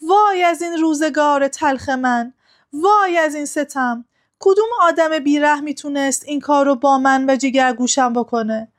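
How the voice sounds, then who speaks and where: A woman's voice: lively intonation, a little mellow, close to an everyday voice. Woman voicing a distraught noble mother. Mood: wailing. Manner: high, cried-out, demanding lines. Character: grieving noble young mother, quick to anger.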